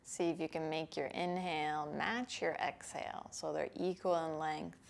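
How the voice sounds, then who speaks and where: Low-pitched, creaky-voiced woman teaching breathing. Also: a little hiss or hum. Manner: calm, unhurried, informal instruction. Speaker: yoga breathing instructor. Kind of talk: guided follow-along breathing lesson. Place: small indoor yoga room. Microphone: lapel microphone.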